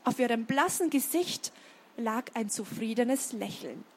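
A woman's voice: on the high side, a little slow, slight background noise. A woman reading a children's book aloud, then chatting to young listeners about it with many fillers. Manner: lively storytelling, chatty asides with many fillers.

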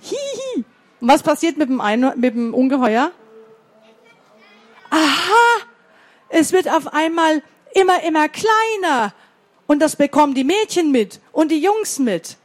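A woman reading a fairy tale aloud to children in a slow, expressive way, pausing to ask them questions. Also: sits high. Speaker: storyteller for children.

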